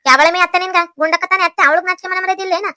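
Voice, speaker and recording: A woman voicing shrill quarrelling village women. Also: fairly even intonation, pushed and bright, no echo, clean studio sound. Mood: furious. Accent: North Karnataka Kannada. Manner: scolding, rapid-fire quarrelling. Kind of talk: cartoon voice acting.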